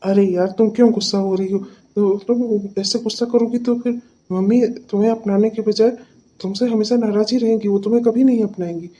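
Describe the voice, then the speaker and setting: A woman voicing a young husband who tries to calm his mother and wife in a cartoon. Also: mid-range voice, a little fast, lightly acted. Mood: coaxing. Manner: coaxing, placating.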